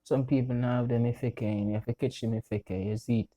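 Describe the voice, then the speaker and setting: A Jamaican man talks casually through a process step by step. His voice is extremely mellow and dark, with no sharpness to it. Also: mid-range voice, steady tone, fast. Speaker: friend doing a makeup voice-over.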